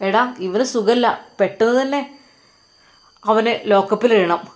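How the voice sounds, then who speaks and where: A woman's voice: on the high side, close to an everyday voice. A woman voicing a bossy male police officer in a told story, talking brusquely and mockingly. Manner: brusque, taunting, quick.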